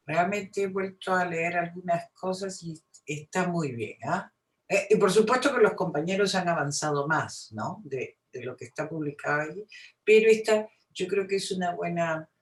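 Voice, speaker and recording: A woman from Peru with a Peruvian Spanish accent gives an informal academic talk in a conversational way, often adding little tag questions. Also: lowish voice. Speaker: academic, film historian speaking at a seminar. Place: seminar room, indoors. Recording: echoey room sound.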